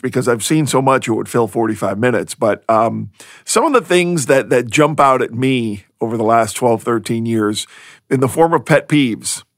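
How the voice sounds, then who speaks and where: Male podcast host, mid-pitch, amused rambling monologue, dry booth sound. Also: no room sound. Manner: chatty, amused, rambling with restarts. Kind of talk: casual solo podcast monologue.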